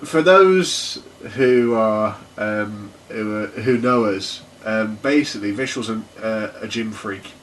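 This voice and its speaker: Low-voiced man rambling on a podcast. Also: slow, hardly any pauses, a bit bright, far from the mic, a little hiss or hum. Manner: rambling, hesitant, laughs often. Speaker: podcast co-host. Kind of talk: casual chat.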